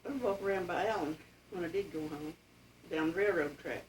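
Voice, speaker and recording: A woman's voice: lowish voice, brisk, darkish tone. An elderly woman with an Appalachian accent reminisces casually about family history in plainspoken, folksy speech. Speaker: interviewee telling family history. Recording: distant mic, clearly noisy home recording.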